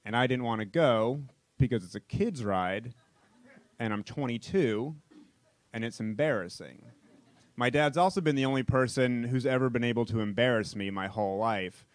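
A young man spins a comic story for a live crowd, in a loose, conversational way. His voice sits at an ordinary pitch and sounds close and dry. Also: moderate pace, dry recording. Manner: casual, conversational, wry. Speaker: storyteller comedian. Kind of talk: stand-up storytelling. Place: comedy stage before a live audience.

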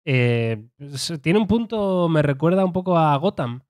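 A man's voice: on the high side, lively intonation, measured pace, darkish tone. A man from Spain co-hosting a casual tech podcast, chatty and rambling with filler words. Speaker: podcast co-host. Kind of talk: casual chat.

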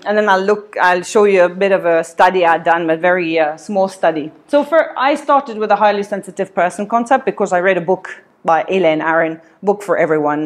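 A woman from Switzerland presents a seminar in an indoor meeting room, picked up by a camera some distance away. Her delivery is loose and hesitant, full of ums and uhs, with frequent small laughs. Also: fairly low pitch. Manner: many fillers, hesitant, laughs often. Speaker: seminar speaker. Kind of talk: academic seminar talk. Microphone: far camera.

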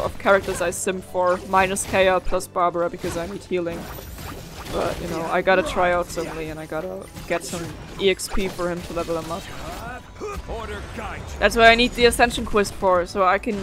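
A woman's voice: on the low side, fairly even intonation, moderate pace, over music. A young woman giving casual, reactive let's play commentary in a rambling way. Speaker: gaming let's player.

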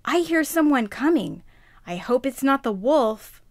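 A woman voicing a kind, timid little girl in a children's puppet show, sweet and deliberate. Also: sits high, expressive, darkish tone, no echo, studio quality. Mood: nervous.

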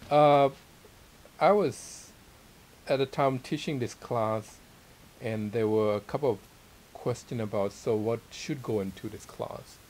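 This interviewed guest, a middle-aged theology teacher and author from Thailand, speaks at a measured pace in a mid-range voice. Sitting in a small library room with armchairs for a relaxed conversation, he responds with modesty and hesitation, often groping for the right word. The rough recording has constant hiss and room noise underneath.

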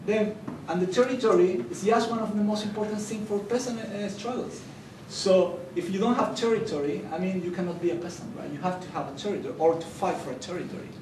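A young Chilean man with a Spanish accent speaks earnestly on a conference panel, halting and restarting with many fillers. His voice is a little high for a man and is picked up by a distant mic in an echoey hall with steady background noise.

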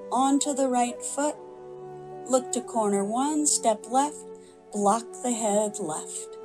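An older woman instructor calling out tai chi movements in serene, measured short phrases. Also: a little high.

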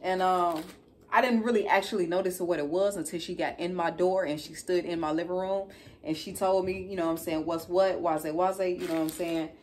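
A woman's voice: lowish voice, steady tone, a little fast, slight background noise. A woman in her thirties with a Chicago accent, chatting casually and colloquially as she tells a story in a vlog. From Chicago, United States. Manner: conversational, colloquial, frequently tags phrases with "you know what I'm saying". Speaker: nail technician vlogger. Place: living room at home, indoors.

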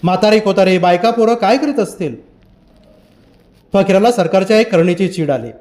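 A man reads a novel aloud in a measured, literary way. His voice sits high for a man, and he paces the descriptive passages steadily. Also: lively intonation, darkish tone. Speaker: audiobook narrator. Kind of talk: scripted novel narration.

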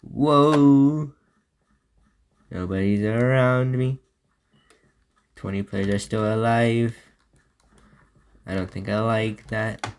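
Very low-voiced woman muttering over gameplay. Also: fairly even intonation, slow pace, long pauses, a little mellow. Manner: muttering reactions to the game. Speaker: gaming channel host. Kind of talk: casual gameplay commentary.

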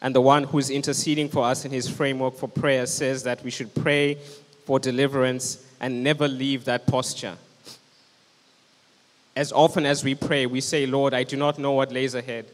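On a church stage indoors, with band instruments around him, a young man preaches earnestly and urgently into a handheld microphone. His voice is mid-range with a level tone and normal speed, and the recording has a long hall reverb.

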